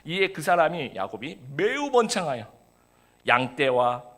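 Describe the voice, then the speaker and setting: A man's voice: a little high, big pitch swings, a little slow, fairly bright tone. A middle-aged man, a pastor, preaching a sermon in a conversational way, full of fillers and acted quotes. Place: church service.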